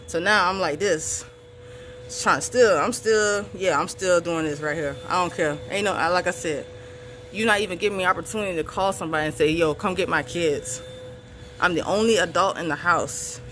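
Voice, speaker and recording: A mother of three vents in a vlog about being arrested, angry and blunt, swearing freely and hammering home each point defiantly. Her voice is fairly low and a bit bright, she talks a little fast, and there's slight background noise.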